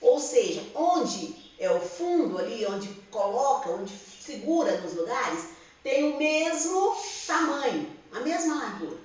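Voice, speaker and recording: A woman's voice: high-pitched, very animated, takes it slowly, darkish tone, distant mic. A woman with a Brazilian Portuguese accent, a teacher patiently explaining a lesson to young pupils and checking they follow. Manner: patient, repeats and checks understanding with "tá?". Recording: roomy echo, speaker somewhat off-mic.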